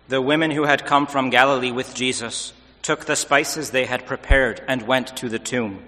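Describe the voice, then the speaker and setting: A man's voice: medium pitch, bright, forceful tone. Solemn male liturgical reader in cathedral echo. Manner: measured, formal delivery. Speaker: clergyman reading the Gospel at Mass. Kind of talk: solemn liturgical scripture reading and chant. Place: large reverberant church. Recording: cathedral echo, long church reverb.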